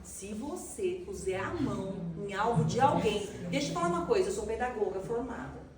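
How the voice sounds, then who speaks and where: A middle-aged woman, a pastor speaking frankly and lively to a church group, often imitating the voices of people in her stories. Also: mid-range voice, brisk, crowd noise. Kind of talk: casual church talk with anecdotes. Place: church hall with audience. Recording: roomy hall, far mic, audience audible.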